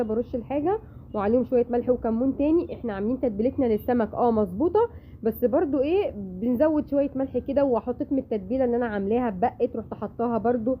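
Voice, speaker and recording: A woman with an Egyptian accent chatting in a cooking vlog, confiding and acting out little dialogues. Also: a little high. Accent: Egyptian Arabic. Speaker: vlogger. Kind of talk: casual cooking vlog chat. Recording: tinny phone-like sound, faint noise.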